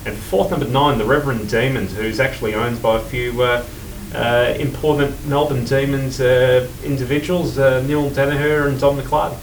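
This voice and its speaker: A man's voice: mid-range voice, steady tone, normal speed. A man working as a racing tipster, giving horse form analysis and selections in conversation. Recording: roomy, distant mic, faint noise.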